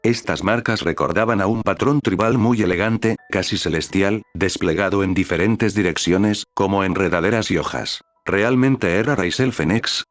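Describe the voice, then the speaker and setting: A man narrating a fan fiction story in a steady, even storytelling manner. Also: sits low, normal speed, few pauses, no echo. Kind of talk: scripted narration.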